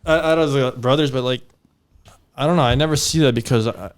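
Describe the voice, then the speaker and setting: A young man in casual podcast chat, his voice smooth and clear. He talks hesitantly, circling back with filler phrases. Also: medium pitch, a little fast. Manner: hesitant, many "I don't know" fillers.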